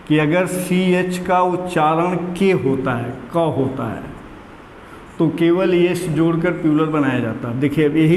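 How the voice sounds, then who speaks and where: A man teaching an English grammar lesson, speaking slowly and deliberately and repeating key words to drill them into his students. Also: high voice, a little mellow, reverberant, in a large hall, slight background noise.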